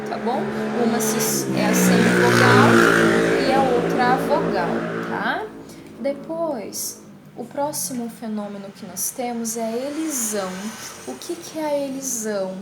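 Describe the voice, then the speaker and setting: Woman teacher, higher voice, patient explainer, recorded in an echoey room. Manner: explains step by step, checking in with "tá?"; slows down to read example lines aloud. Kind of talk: recorded online class. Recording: echoey room with faint hiss.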